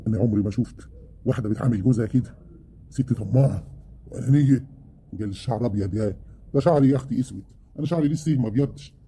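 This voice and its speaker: A man's voice: mid-range voice, racing, dark tone, slight background noise, close to an everyday voice. A man with an Egyptian accent voicing a scheming middle-aged husband who defends himself and trades insults with his wife. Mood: insulting. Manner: defensive, wheedling.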